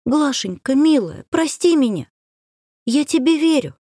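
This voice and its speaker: A woman voicing a headstrong, teasing young girl in a high, girlish voice, in an audiobook read by one narrator. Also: sing-song, a little slow, mellow, dry recording, studio quality. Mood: tender. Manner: pert and spirited, with sudden exclaims.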